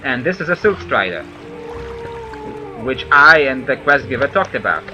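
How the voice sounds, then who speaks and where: A man's voice: medium pitch, sing-song, normal speed, bright, forceful tone, dull audio, faint music behind. A man hosting a let's play, giving casual commentary with wry, joking asides. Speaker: gaming video host.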